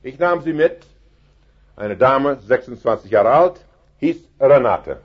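A man delivers an evangelistic sermon in a husky, carrying voice that swings widely in pitch. He drops to near hushes and then rises to fervent, emphatic cries. The recording is dull and lo-fi. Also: animated, slow. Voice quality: penetrating voice. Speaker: preacher.

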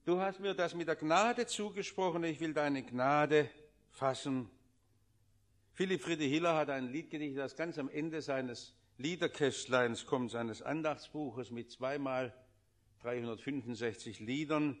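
A man preaching a sermon, swinging between loud, fervent pleading and hushed, intimate passages. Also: a little high, a little slow.

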